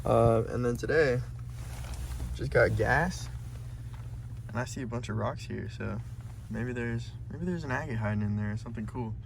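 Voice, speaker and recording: A man's voice: mid-range voice, normal speed, vocal fry, pauses often. A man in a casual, slangy, laid-back outdoor vlog, talking as a rockhounding hobbyist. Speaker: rockhounding vlogger. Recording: loud outdoor ambience noise.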